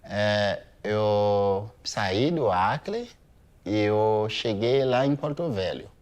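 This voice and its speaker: A man in his thirties from Haiti giving a hesitant museum testimony, pausing often with fillers. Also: lowish voice, lively intonation, darkish tone. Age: 30s. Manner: slow, hesitant, many pauses and fillers. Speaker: interviewee.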